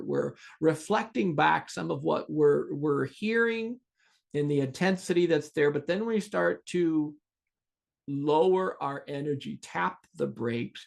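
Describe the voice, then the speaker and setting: A middle-aged man with a slightly high voice and a gravelly edge hosts a podcast. He tells a personal story and teaches from it, earnest and animated, often restarting his sentences. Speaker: podcast host.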